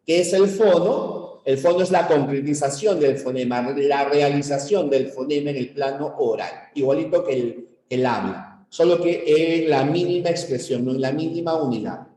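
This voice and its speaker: A man from Peru teaching a university-prep lecture, explaining step by step and checking in with the class through quick questions. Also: on the high side, mellow. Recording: echoey room.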